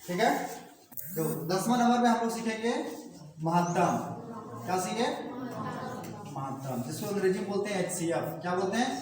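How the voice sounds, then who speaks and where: High-voiced male maths teacher, echoey classroom. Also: normal speed, pauses often, a little mellow. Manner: repeats each term and asks the class to echo it. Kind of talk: classroom teaching with call-and-response. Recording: echoey room, mic far off, noisy.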